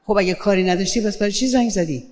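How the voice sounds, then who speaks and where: A woman speaking as a guest on family life, giving advice in an animated way and acting out short quoted exchanges. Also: medium pitch. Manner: animated, acts out little quoted dialogues. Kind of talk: lively advice talk on a stage. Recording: long hall reverb.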